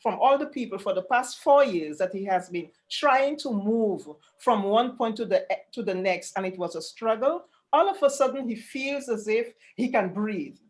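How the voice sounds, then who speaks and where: A woman explaining her work conversationally on an online panel, halting at times and repeating words for emphasis. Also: medium pitch. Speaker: panelist presenting a rural tourism programme. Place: online video call.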